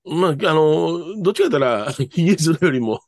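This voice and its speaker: A man's voice: a little high, animated, moderate pace, a little mellow, no echo, clean studio sound. A man with a Kansai accent talking casually as a co-host on a talk show. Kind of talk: casual chat.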